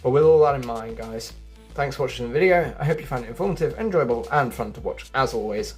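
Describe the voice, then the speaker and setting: This video game news YouTuber has a medium-pitched, expressive, slightly mellow voice and talks fast. Over background music, he hosts the video with casual, chatty gaming commentary aimed directly at his viewers.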